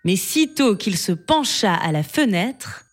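A woman storyteller reading a bedtime fable aloud in a slow, expressive way. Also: mid-range voice.

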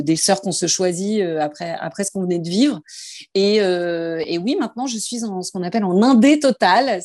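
A woman's voice: fairly low pitch, darkish tone, no room sound. Thoughtful woman singer, dry close sound. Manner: thoughtful, hesitant, many fillers and restarts. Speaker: singer guest. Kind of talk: interview answers. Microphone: phone held in hand.

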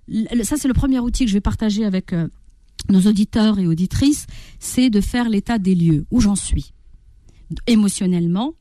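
A middle-aged woman appears as an interview guest offering parenting advice, speaking in a fairly high voice on a dry recording. She's animated and expressive, acting out the inner voices of stressed parents.

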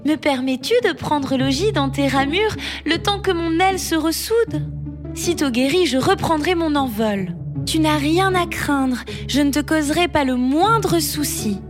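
A woman's voice: sits high, lively intonation, unhurried, music in the background, pitched above the performer's own voice. A woman voicing a small injured bird who asks politely and timidly for shelter, in a French storybook tale. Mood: pleading. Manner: polite, pleading.

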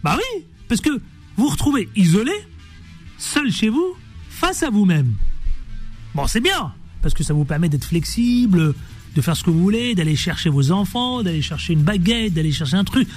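A male radio host with a high voice that swings up and down a lot. He talks playfully and with plenty of energy, moving fast from one topic to the next. Faint music plays behind him in the studio. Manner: animated, playful, jumps between topics. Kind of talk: lively radio show chat.

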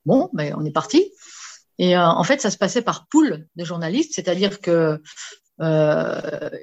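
A woman, a sports journalist, telling an anecdote in casual conversation, animated, with many fillers and repeated words. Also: fairly low pitch, unhurried, gravelly. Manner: lively storyteller with many fillers and repetitions.

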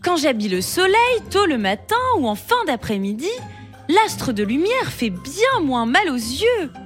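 Fussy, self-important storybook colour, woman narrator putting it on, raised pitch. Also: big pitch swings, unhurried, soft background music. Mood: prim.

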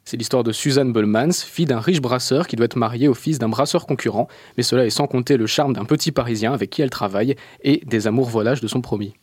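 A male presenter speaks quickly at medium pitch. His style is informal and explanatory, in a dry recording. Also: darkish tone, slightly rough, dry recording.

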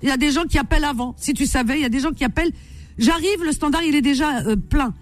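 A woman hosting a live call-in radio classifieds show, talking quickly in a chatty, teasing way and repeating callers' details. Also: high voice, soft background music.

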